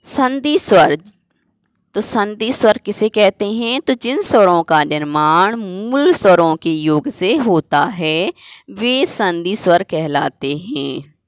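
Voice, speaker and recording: A woman's voice: medium pitch, expressive, slow, no echo. A woman teacher giving a grammar lesson, explaining step by step and asking herself questions before answering them.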